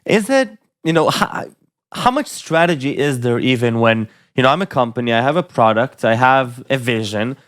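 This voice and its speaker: A man's voice: mid-range voice, expressive, moderate pace, fairly bright tone. A man hosting a podcast, reading a scripted introduction and then asking his guest questions conversationally. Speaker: podcast host.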